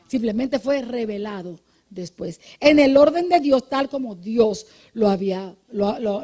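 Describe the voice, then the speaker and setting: This is a woman pastor giving a midday sermon in church, explaining doctrine in a chatty, teacherly way. Her voice sits a little high yet sounds mellow and soft-edged. She keeps checking in with the congregation and punctuates points with amen, sometimes restarting a word. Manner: conversational teaching, checks listeners with "¿ok?" and "amén"; repeats and restarts words when thinking. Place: church service.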